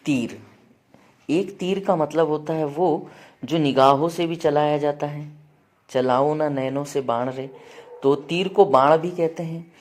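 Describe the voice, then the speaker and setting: A man teaching an exam-prep grammar lesson with a slightly high voice. He works through word meanings in steady lists, calls his students beta, and keeps checking in with "है ना" and "ठीक है". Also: slow pace.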